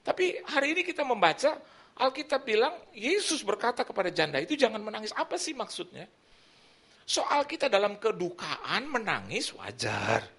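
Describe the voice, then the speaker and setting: A middle-aged man preaching from the pulpit in a high, very lively voice that leaps around as he tells a story. His tone has a gravelly grain and a bright, forceful edge. He acts out the people in his story and swings between hushed asides and loud declarations. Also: normal speed. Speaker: pastor. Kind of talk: sermon with personal testimony. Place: church hall.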